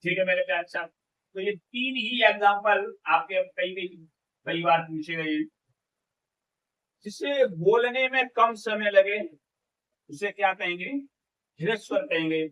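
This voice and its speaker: A male Hindi teacher gives an exam-prep lecture, posing questions and answering them himself, stretching vowels to demonstrate, and speaking warmly to his students. His voice sits high and unhurried with long pauses, and the audio is dull.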